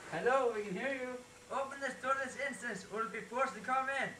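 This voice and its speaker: A man's voice: very high voice, brisk. A man playing an impatient, demanding officer at a door in an amateur comedy sketch. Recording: echoey, distant mic, loud noise.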